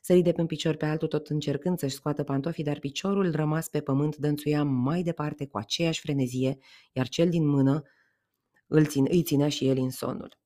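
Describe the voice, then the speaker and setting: Woman storyteller, mellow timbre, measured unhurried fairy-tale reading. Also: deep voice, fairly even intonation. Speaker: podcast storyteller.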